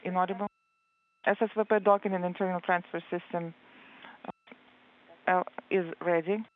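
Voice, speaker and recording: A woman giving a live translation voice-over of radio exchanges, speaking in halting pieces with many hesitations. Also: lowish voice, steady tone, slight background noise. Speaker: interpreter. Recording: very narrow phone-like line.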